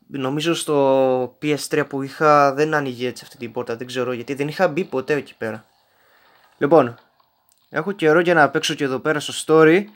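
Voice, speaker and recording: A young man with a fairly high voice runs a casual let's-play commentary. He jokes constantly and talks straight at the characters on screen. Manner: joking, talks to game characters. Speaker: gameplay commentator.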